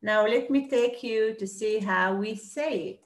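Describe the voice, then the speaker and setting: A woman teaching a class, explaining patiently and repeating words slowly. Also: a little high, reverberant. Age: 30s. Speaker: Arabic teacher.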